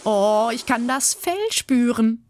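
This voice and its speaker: A woman voicing an excitable young girl who calls out urgently and pleads, in an audiobook reading. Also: slow pace, a little hiss or hum, heavily acted. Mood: eager. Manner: high breathless calling, urgent. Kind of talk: audiobook character voice.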